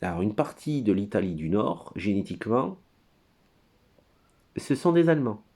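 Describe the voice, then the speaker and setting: A man's voice: on the low side, very animated, moderate pace, a little mellow, husky. A man giving a rambling, crude monologue at his computer, full of hesitations and digressions. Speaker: commentator.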